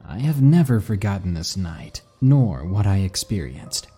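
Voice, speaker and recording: A man narrating spooky stories in a slow, hushed, dramatic way. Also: sits low, very animated, husky, soft background music. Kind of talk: scripted story narration.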